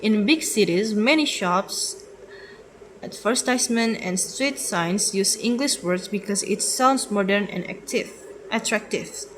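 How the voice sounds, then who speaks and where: A young woman reads through a class slide presentation at a slow, careful pace. She hesitates often, restarting words and filling gaps with "uh". Faint noise sits under her voice. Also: medium pitch, rough recording. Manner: hesitant, with fillers and self-corrections. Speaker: student presenter.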